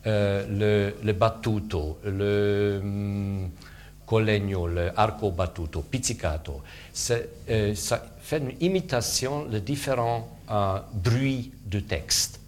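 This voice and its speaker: A man coaching string players in rehearsal, halting with fillers, switching between English and French and vocalizing sounds to demonstrate. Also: fairly low pitch, a little hiss or hum. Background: string instruments playing.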